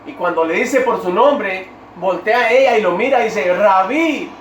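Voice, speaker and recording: A man's voice: high voice, moderate pace. A man preaching an informal sermon, retelling Bible stories and speaking straight to his listeners, often stopping to rephrase. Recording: echoey room, voice far from mic, faint hiss.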